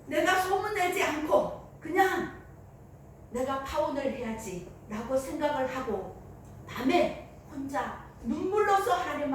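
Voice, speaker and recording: A woman's voice: high-pitched, slight background noise. A woman pastor preaching a Christmas sermon, telling the story and acting out the prayers. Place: church sanctuary. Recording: echoey church hall, mic at a distance.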